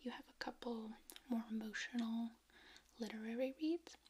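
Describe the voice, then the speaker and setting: A woman speaking in a hushed library whisper, doing a whispered role-play as a friendly, chatty librarian. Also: on the high side, moderate pace. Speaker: ASMR performer playing a librarian. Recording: clear background noise, handling clicks.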